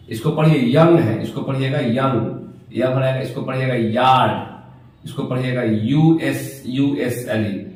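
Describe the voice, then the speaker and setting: A man's voice: medium pitch, darkish tone, far from the mic. A man teaching an English class, repeating words and asking the class questions as he drills them. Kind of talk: classroom lesson. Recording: very echoey room, voice from afar.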